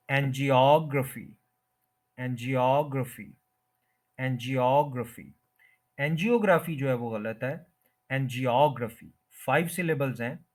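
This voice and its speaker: Man teaching English pronunciation, drilling words. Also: medium pitch. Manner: repeats each word slowly, breaking it into syllables. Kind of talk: explanatory lesson.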